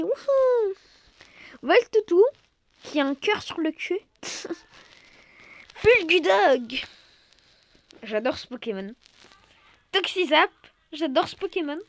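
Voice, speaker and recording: Reviewing a freshly released card set for her collecting channel, the host is playful, self-mocking and full of exclamations, swinging from loud moments to quiet asides. Her voice is very high, and the recording has no room sound.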